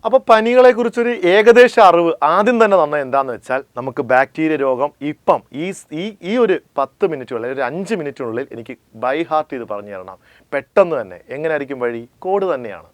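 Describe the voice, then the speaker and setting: A middle-aged man leads an exam coaching lesson, repeating each fact as a question and then answering it. His voice is smooth and clear, recorded dry and close, and it swings from loud emphatic lines to quiet low ones. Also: lively intonation, a little fast, no echo. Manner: emphatic, rises and drops sharply in pitch and volume. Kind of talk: classroom lecture with call-and-response drilling.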